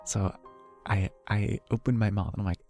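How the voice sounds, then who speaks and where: Low-voiced young man chatting on stream. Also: fairly even intonation, moderate pace, darkish tone. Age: young adult. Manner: chatty, rambling storyteller addressing chat. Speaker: VTuber streamer. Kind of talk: casual livestream chat. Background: faint background music.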